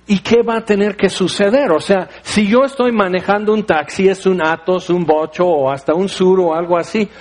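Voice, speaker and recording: A man with a Mexican accent preaching a sermon, telling stories with everyday analogies and firing off rhetorical questions. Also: sits high. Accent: Mexican Spanish.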